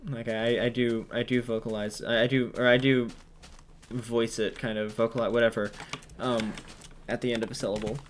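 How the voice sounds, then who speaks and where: A man's voice: mid-range voice, little pitch movement, normal speed, a little hiss or hum. Rambling young-sounding man gaming commentary. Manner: rambling, hesitant, many fillers and restarts. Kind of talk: casual gameplay commentary. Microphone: headset or desk mic while wearing headphones.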